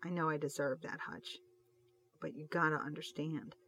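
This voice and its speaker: A reader voicing a worried, impulsive male police detective in an audiobook of fan fiction, talking loudly and pleadingly. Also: medium pitch, expressive, normal speed, lightly acted.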